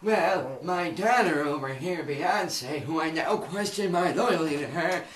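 A man playing an angry, blustering senator father in a homemade comedy skit, yelling his lines. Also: a little high, animated, measured pace, slight background noise. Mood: scornful. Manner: shouts angrily. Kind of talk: amateur comedy skit acting. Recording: echoey room, mic far off.

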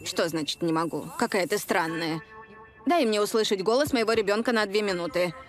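A woman's voice: mid-range voice, fairly quick, natural voice. A middle-aged mother voiced by an actress, worried and insistent, pressing in the style of dubbed television drama. There is music behind her voice. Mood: suspicious, insistent.

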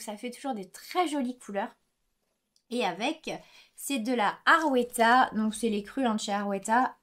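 A young adult woman chatting casually about her knitting projects in a vlog, with frequent fillers and self-corrections. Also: mid-range voice. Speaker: knitting podcaster.

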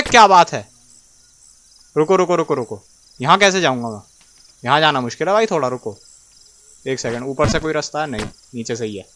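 A man hosting a casual let's-play, talking straight to his viewers and swinging between loud cheering and low muttering. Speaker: gaming video host.

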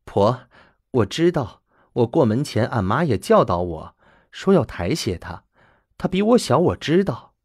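A timid, eager-to-please young bride, as a male narrator puts her on. Her voice is soft and humble with a lilting, lively pitch, and she speaks unhurriedly in a dry close recording. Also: a little slow, no room sound.

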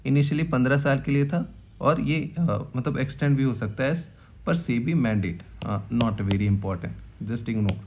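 A man teaching a quick exam revision lecture, bluntly dismissing topics that don't matter and reading English passages slowly, word by word. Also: medium pitch, a little mellow, a little hiss or hum. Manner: blunt, dismissive of unimportant topics, mixes English read-outs into Hindi.

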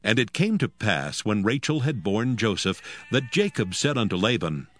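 A man narrating scripture from a script in a measured, solemn storytelling manner. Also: lowish voice, sing-song.

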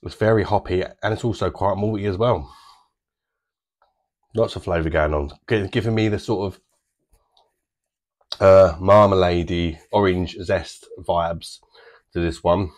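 A deep-voiced British man in his thirties talks through a beer tasting to camera. He is chatty and easygoing, drifting through fillers and loose descriptions. He is recorded close up in a small home bar room. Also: slow pace, pauses often. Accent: British English. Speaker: beer reviewer. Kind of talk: casual review to camera.

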